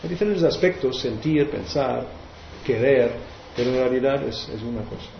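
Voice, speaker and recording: A man's voice: mid-range voice, moderate pace, gravelly, slight background noise. Male spiritual teacher, hesitant explainer, roomy dull recording. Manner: hesitant, many restarts, explaining verses. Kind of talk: devotional class with questions.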